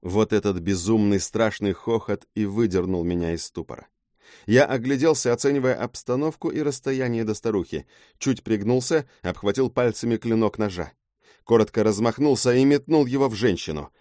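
A man's voice: on the low side, moderate pace, mellow, dry recording, clean studio sound. A man narrating a fantasy audiobook in the first person with a dramatic delivery.

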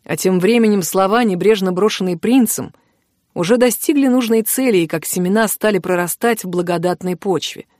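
A woman narrating a first-person fantasy audiobook in a measured, expressive reading. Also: mid-range voice, dry recording, clean studio sound.

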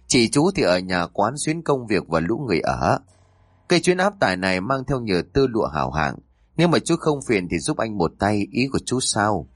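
Guy doing a sleazy scheming official, low smug drawl, husky, dry sound. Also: very animated, moderate pace, dry recording. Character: lecherous scheming male official, older brother.

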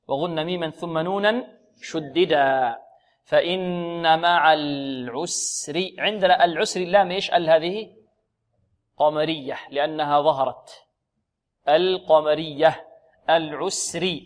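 A male Quran recitation teacher gives a tajweed lesson over the radio in a fairly high-pitched voice. He slows down and stretches out example words, and he puts questions to his students that he then answers himself.

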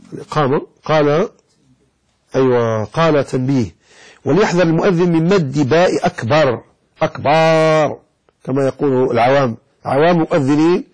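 Male sheikh, lecturing and scolding, husky and breathy, sings out prayer-call lines as examples. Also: medium pitch, darkish tone, low-quality recording. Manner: chants the call to prayer to show right and wrong pronunciation. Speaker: sheikh teaching Islamic jurisprudence. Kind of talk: religious lesson explaining a text.

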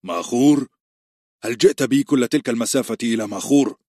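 A man voicing a stern, grave middle-aged nobleman in an audiobook reading, speaking low and weighty. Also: steady tone, brisk, husky, no room sound, clean studio sound, heavily acted. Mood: angry.

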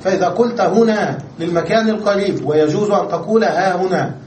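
Brief: male grammar lecturer, high voice, recorded from across an echoey room. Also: a little mellow, recorded from a distance, slight background noise. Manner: explains step by step, checks understanding with quick questions. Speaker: Arabic grammar teacher. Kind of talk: classroom lecture.

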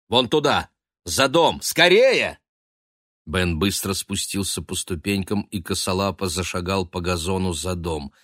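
A man narrating a literary novel in steady audiobook style. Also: low-pitched, no echo, studio quality.

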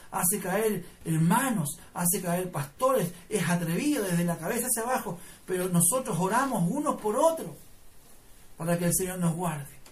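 A man's voice: high-pitched, far from the mic. A man preaching a live sermon in Chilean Spanish, fervent and folksy, calling his listeners brother as he tells a personal testimony. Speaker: pastor. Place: church service.

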